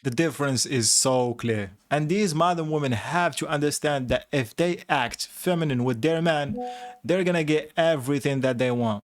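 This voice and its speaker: A man's voice: fairly high pitch, moderate pace. A man hosting a reaction video, commenting on clips in a blunt, dismissive way. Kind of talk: casual commentary.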